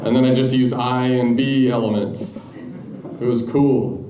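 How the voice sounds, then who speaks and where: A man's voice: medium pitch, steady tone, a little slow, reverberant, recorded from a distance, background noise. A man giving a live-coding tech talk at a conference, chatting through his code with joking, self-deprecating asides. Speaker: conference speaker. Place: conference room with audience.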